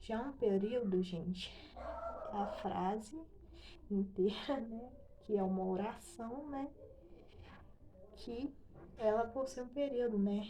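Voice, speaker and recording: Slow, halting Brazilian woman teaching. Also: on the high side, warm tone, a little hiss or hum, poor audio. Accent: Brazilian Portuguese. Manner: slow, halting, many fillers and self-corrections. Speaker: writing teacher. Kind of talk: casual online lesson.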